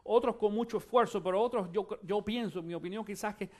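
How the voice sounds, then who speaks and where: A male pastor preaching a sermon, shifting from quiet musing to loud, fervent exhortation and urging his listeners to listen. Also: sits high, fast talker. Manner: addresses listeners directly, urging them to listen.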